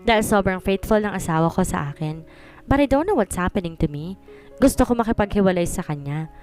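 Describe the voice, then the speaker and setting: A woman's voice: mid-range voice, expressive, a little fast, darkish tone, faint music behind. A woman reading a first-person story aloud with an exasperated, complaining tone.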